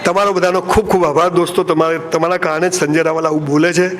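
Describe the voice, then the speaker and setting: A man's voice: on the high side, little pitch movement, quick pace, a bit bright. A man with a Gujarati accent giving a live motivational speech to a seated audience, joking and acting out lovers' lines in playful voices. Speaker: motivational speaker.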